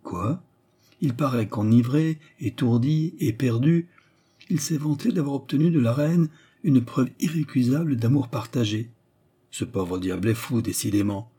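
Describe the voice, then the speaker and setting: Male reader doing a scheming noblewoman, raised voice, insistent, falsely sweet, husky. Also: mid-range voice, a little slow, mellow, voice pushed up. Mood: menacing, persuasive. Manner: insistent, menacing, feigned sweetness. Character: scheming, persuasive noblewoman adventuress, middle-aged.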